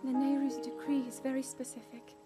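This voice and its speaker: A woman's voice: high voice, level tone, fairly quick, music in the background, lightly acted. A woman voicing an earnest, burdened sixteen-year-old princess in a video game cutscene, with formal, emotive delivery. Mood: hopeful, reflective.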